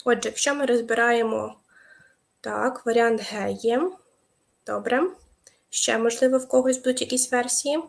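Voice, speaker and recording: A young woman teaching a live online exam-prep lesson, explaining patiently with hesitant fillers and pausing to wait for viewers' answers. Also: on the high side, fairly even intonation, vocal fry.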